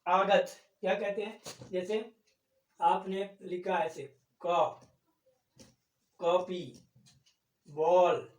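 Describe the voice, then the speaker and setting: A man's voice: high voice, fairly even intonation, very slow, pauses often, distant mic. A man teaching Hindi grammar. He explains step by step, repeats the key terms and keeps asking questions that he answers himself. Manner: asks the class questions and answers them himself. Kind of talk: classroom-style lesson. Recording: echoey room, voice off-mic.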